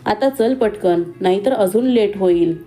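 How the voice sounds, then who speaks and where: A woman's voice: medium pitch, unhurried, dark tone, faint music behind, lightly acted. A woman voicing a friendly young college girl who talks in an urgent, hurrying way.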